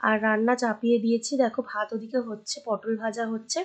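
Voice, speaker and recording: A young woman with a hoarse voice, chatting to viewers in a casual vlog voice-over. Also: fairly high pitch, level tone, quick pace. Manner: chatty, addresses viewers directly. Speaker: vlogger.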